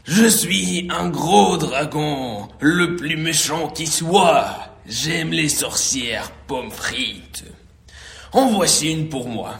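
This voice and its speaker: A man voicing a big, mean, hungry male dragon in a storybook reading, slow and booming. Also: animated, vocal fry, a bit bright, roomy sound, a little hiss or hum, exaggerated voice. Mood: menacing.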